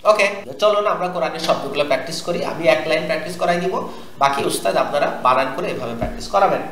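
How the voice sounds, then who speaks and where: A man teaching Quran recitation, spelling out letters and drilling each word slowly and patiently, asking listeners to repeat after him. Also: a little high, a bit bright, slight background noise. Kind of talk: tajweed lesson, spelling out and drilling words. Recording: echoey room.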